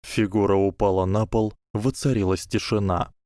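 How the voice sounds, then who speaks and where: A man reading an audiobook in measured, even storytelling narration, close to the mic. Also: lowish voice, no room sound.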